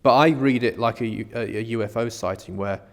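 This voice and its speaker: A man co-hosts a podcast, musing aloud in a casual discussion about religion. His voice is lowish and brisk, and the recording carries long reverb.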